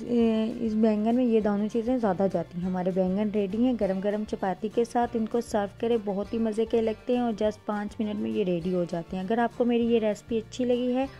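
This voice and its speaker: A woman with a medium-pitched, dark voice hosts her cooking channel, walking through a simple recipe step by step in a voice-over tutorial. Her instructions are plain, and she sometimes restarts.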